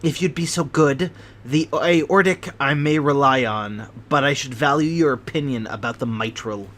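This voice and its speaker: With excitement, a man voices a fidgety, anxious little bald man of thirty whose voice is high and thin and whose manner is fussy and overly polite. The delivery is at normal speed, a bit bright, and natural-sounding.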